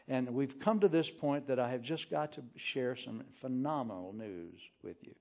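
An older man preaching a sermon full of humorous, self-deprecating stories, folksy and animated. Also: medium pitch, normal speed, vocal fry. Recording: muffled lo-fi recording.

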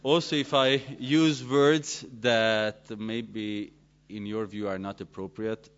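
A man pastor from Serbia, giving a joking, self-deprecating conference talk in halting English. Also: fairly low pitch, fairly even intonation, clear, resonant tone. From Serbia (former Yugoslavia). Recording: dull lo-fi sound.

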